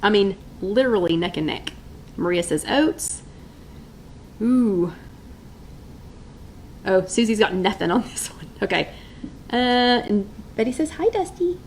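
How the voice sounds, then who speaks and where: Pausing often at a measured pace, a medium-pitched woman streams live from her kitchen. The middle-aged host of the weight-loss chat is upbeat and chatty, reading viewer names and votes aloud over a rough recording with a little hiss or hum.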